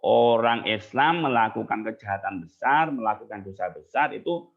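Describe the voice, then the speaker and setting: A man's voice: lowish voice, expressive, moderate pace, gravelly. A man telling stories in a casual, chatty sermon as a religious teacher. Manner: casual, chatty, mixes in local words. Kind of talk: storytelling sermon. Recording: tinny phone-like line.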